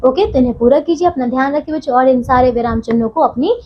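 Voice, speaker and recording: High-voiced woman teaching young children. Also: fast, muffled recording, slight background noise. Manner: patient, repeats and checks understanding with the class. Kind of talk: grammar lesson for young children.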